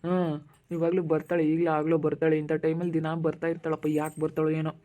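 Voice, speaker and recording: A woman playing a sharp-tongued, scolding village neighbour in an amateur skit. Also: deep voice, flat delivery, fast talker, natural voice. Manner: scolding, judgmental. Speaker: neighbour Meena.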